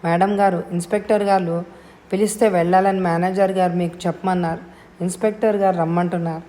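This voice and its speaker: A woman reading the lines of a male office messenger, quick and deferential. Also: lowish voice, fairly even intonation, dark tone, lightly acted.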